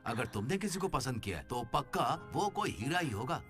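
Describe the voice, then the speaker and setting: Brief: a soft-spoken, reassuring film father, wide-ranging pitch, music score under the lines. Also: sing-song, moderate pace. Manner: gentle, reassuring. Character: calm indulgent father of a grown daughter. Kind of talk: Hindi film dubbing.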